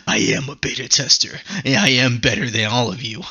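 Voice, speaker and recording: A man putting on a smug, nasal, breathy whisper to mock a boastful boy gamer. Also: mid-range voice, fairly quick, bright, forceful tone, muffled recording.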